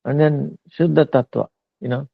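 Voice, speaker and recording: A man giving a slow devotional discourse, pausing often with fillers. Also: fairly high pitch, fairly even intonation, gravelly, husky, no room sound. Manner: slow halting talk with many fillers. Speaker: spiritual teacher. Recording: tinny phone-like line.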